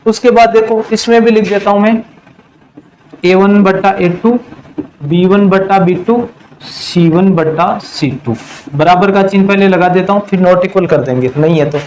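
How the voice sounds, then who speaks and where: A male math teacher giving a classroom lesson, quizzing his students and answering his own questions, and drawing out the key terms slowly. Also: high-pitched, a little mellow, a little hiss or hum, poor audio. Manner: slows to a drawn-out pace on key terms.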